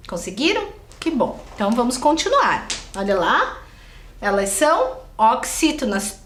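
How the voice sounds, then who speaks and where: A woman's voice: a little high, fairly bright tone. A woman with a Brazilian Portuguese accent, a teacher giving a recorded video lesson for children, coaxing her pupils with questions. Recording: echoey room.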